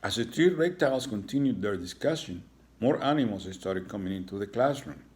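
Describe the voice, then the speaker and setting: A man with a lowish voice reads a children's chapter book aloud. He slips in casual asides to his young listeners between passages. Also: animated, a little fast, a little mellow. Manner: adds chatty asides to listeners. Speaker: reader. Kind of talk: reading a children's story aloud.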